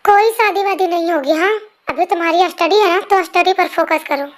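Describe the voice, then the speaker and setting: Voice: very high voice, a little fast. A performer voicing a strict, worried mother who scolds sharply, in an amateur fan dub voice-over. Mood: scolding.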